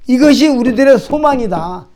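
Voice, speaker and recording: Male pastor, high-pitched voice, conversational sermon delivery with rhetorical questions. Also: lively intonation, normal speed, darkish tone. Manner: conversational preaching, frequent rhetorical questions to the congregation; acts out prayers and imagined dialogue with God.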